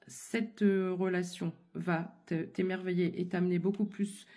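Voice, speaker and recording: A woman doing a tarot reading, speaking warmly and directly to one listener. Her voice is mellow and a little husky, still not fully recovered from an illness. She hesitates often, restarting phrases and filling pauses as she goes. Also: fairly low pitch, fairly even intonation. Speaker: tarot card reader. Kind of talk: casual spoken tarot reading.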